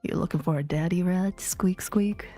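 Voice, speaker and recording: A woman voicing a flirtatious male rat in a low, husky whisper, a whispered role-play. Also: normal speed, mellow, soft background music, natural voice. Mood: sleazy flirting.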